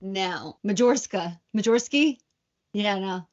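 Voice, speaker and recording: A woman's voice: medium pitch, expressive, takes it slowly. A woman co-hosting a casual podcast chat, telling stories with lots of giggles. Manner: giggly, chatty storytelling. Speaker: podcast co-host. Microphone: video call. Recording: dull lo-fi call audio.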